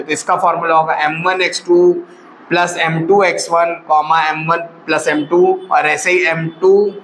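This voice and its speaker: A man's voice: on the high side, fairly bright tone, a little hiss or hum, low-quality recording. A male maths teacher explaining a lesson to students. He asks them questions and answers them himself, and calls them brother or child.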